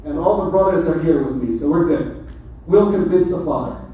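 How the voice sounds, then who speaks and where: Imam guy giving a sermon, high voice, kinda far off the mic, lots of hall echo, jokey and lively. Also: normal speed. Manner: animated, joking preacher. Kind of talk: mosque sermon. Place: mosque hall.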